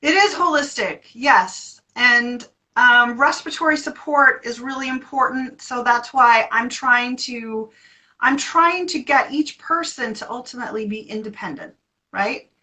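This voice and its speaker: An American woman, a voice therapist, answering interview questions in a playful, animated way. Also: fairly high pitch, a little slow, low-quality recording.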